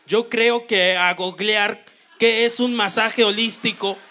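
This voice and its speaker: A man in his thirties performs stand-up with a bright, slightly high voice. He drags out a deadpan story at an unhurried pace, piling up repeated phrases and then suddenly raising his voice to a loud burst. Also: soft background music. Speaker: stand-up comedian. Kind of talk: stand-up comedy routine. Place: comedy stage.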